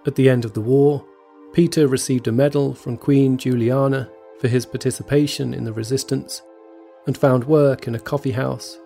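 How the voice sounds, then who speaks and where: A man narrating a scripted true story in a measured, even storytelling manner. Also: medium pitch, creaky. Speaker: podcast narrator. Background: faint background music.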